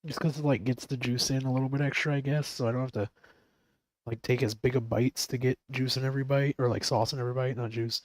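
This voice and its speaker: A man's voice: mid-range voice, steady tone, fast talker, dry recording, rough recording. A man chatting casually on a stream, rambling and swearing freely with frequent laughs. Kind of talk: casual chat.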